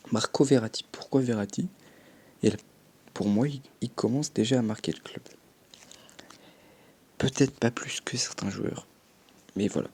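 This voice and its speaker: A man's voice: medium pitch, gravelly, darkish tone, slightly rough. A young man chatting casually as a gaming YouTuber, commenting on his game with offhand swearing and little sound effects.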